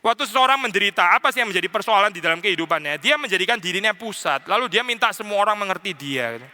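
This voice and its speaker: Lively preaching man in a reverberant church. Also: high-pitched, fast. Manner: conversational preaching with English phrases and playful mimicry. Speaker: pastor. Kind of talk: sermon. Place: church sanctuary.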